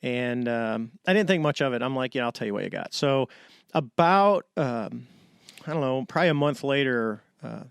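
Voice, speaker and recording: A middle-aged American man tells his story in a relaxed interview, slipping into the voices of the people he quotes. His voice sits at an ordinary pitch for a man. The recording is close and dry, with no room sound. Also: moderate pace, gravelly, clean tone, no echo. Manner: animated storyteller, acts out quoted dialogue. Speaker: interview guest, retired navy fighter pilot.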